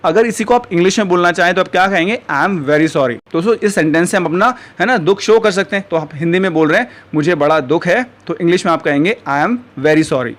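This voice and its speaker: तेज़ बोलने वाला पुरुष अंग्रेज़ी शिक्षक. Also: male voice, high-pitched, fairly bright tone. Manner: addresses viewers as friends, slows right down for the example sentences. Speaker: English teacher. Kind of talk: spoken English lesson.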